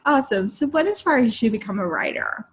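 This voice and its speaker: A woman's voice: a little high, very animated, fast talker, slightly rough. A woman from Puerto Rico hosting a book podcast, chatting casually with many fillers. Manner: rambling, many fillers like "like" and "I don't know". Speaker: podcast host. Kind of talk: casual interview chat.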